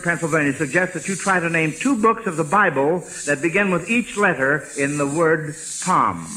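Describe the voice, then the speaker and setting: A man's voice: a little high, sharp tone, low-quality recording. A man with an American accent hosting an old-time radio quiz in a folksy way, with hesitations and repeated words. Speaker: quizmaster host. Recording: hissy vintage radio broadcast.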